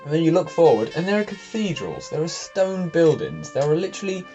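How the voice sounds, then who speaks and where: A man's voice: on the high side, wildly swooping pitch, brisk, dark tone, lo-fi sound, faint music behind. An English man co-hosting a casual podcast chat, rambling through stories with a joking manner and frequent laughter. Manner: jokey, laughs often, rambling storytelling. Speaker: podcast co-host.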